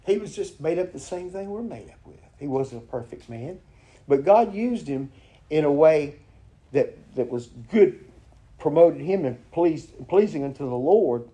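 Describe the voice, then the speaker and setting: Male preacher, folksy and halting, dark mellow tone. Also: a little high, expressive. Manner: folksy storytelling, halting restarts. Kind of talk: informal sermon with prayer and anecdote.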